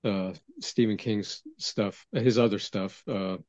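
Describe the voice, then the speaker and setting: Low-voiced man on dull dry audio. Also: steady tone, darkish tone, dry recording. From Maine, USA. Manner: halting, laughs often. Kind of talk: casual chat.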